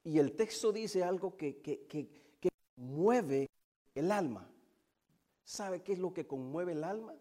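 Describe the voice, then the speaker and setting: A man preaching a sermon, moving between hushed, drawn-out passages and loud, fervent build-ups. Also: high voice, expressive.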